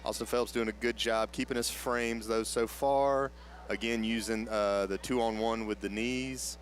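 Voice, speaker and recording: A man's voice: lowish voice, steady tone, measured pace. A man giving explanatory live play-by-play commentary on a grappling match.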